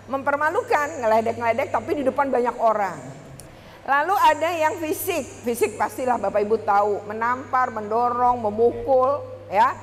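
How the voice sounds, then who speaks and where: A woman speaking to a room of teachers at a workshop, lively and chatty as she addresses the audience directly. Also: high-pitched. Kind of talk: presentation to an audience. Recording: reverberant hall, faint background noise.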